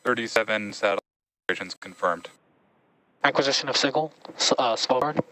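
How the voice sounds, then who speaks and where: A man's voice: medium pitch, animated, fairly quick, pushed and bright, dry recording. A man giving short status callouts in a terse, businesslike way over a mission control radio loop. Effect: distant radio loop audio from mission control. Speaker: launch control operator. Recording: distant radio-loop feed.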